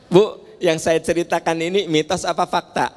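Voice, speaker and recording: A man with a Sundanese accent giving a playful, teasing sermon in a large mosque, joking with the audience and asking them questions. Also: on the high side. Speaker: preacher. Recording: long hall reverb in a large mosque.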